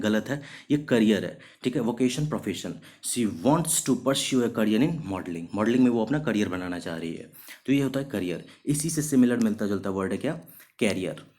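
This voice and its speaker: Speaking in Hindi mixed with English terms, a man with a lowish, slightly mellow voice explains English vocabulary one word at a time in a recorded video lesson. He asks his own questions and supplies the answers, and his pace drops sharply for example sentences.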